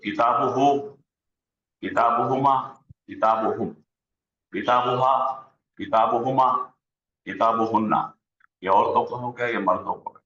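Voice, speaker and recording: A man teaching an online Arabic grammar lesson, slowly drilling word forms aloud on a video call. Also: mid-range voice, a bit bright, a little hiss or hum. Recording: dull echoey room sound.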